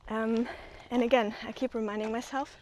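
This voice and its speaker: A woman with a fairly high voice talks casually while walking uphill outdoors. She is slightly out of breath, drops in ums and laughs easily. Faint noise sits behind her. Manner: relaxed, pauses with frequent ums, laughs easily. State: a little out of breath from hiking. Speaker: community manager. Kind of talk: casual chat on a walking tour. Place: outdoors on hilly open land.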